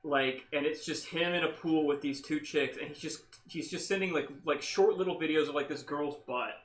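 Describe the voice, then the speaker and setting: A man's voice: a little high, moderate pace. Rambling young man in an echoey garage. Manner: rambling, animated, many filler likes. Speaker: storyteller. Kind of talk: casual storytelling while working on a car.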